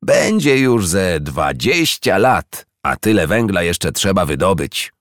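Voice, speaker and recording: Guy doing a friendly old-hand mole miner, slow and thoughtful, deep. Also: very animated, a bit bright, dry recording, studio quality, full character voice. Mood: musing.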